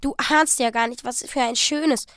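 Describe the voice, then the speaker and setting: A woman reading the part of a young wife who pleads eagerly with her husband, her voice raised higher and louder. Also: normal speed, dry recording, studio quality. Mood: pleading. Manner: breathless, pleading and excited.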